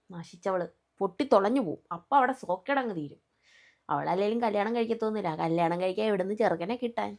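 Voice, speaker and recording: A woman's voice: medium pitch, a little mellow. A woman acting out a family skit, fussing and scolding as she plays several relatives.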